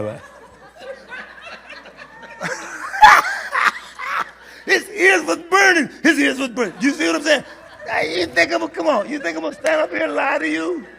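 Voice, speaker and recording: A man preaching as a bishop at a church prayer meeting, animated and laughing, sometimes rising to shouts. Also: very high voice, creaky. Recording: hall reverb.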